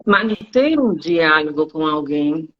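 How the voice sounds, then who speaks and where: A woman, a Spanish teacher and travel agent, talking in an interview and telling anecdotes in an animated way, acting out her students' lines. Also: slow pace. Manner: animated storytelling, acts out students' lines in high voices. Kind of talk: interview conversation. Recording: dull lo-fi sound.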